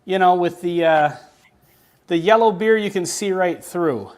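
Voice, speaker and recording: A man's voice: high-pitched, a little slow, darkish tone. A man on a livestream chat panel, talking in a laid-back, meandering way. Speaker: regular panelist.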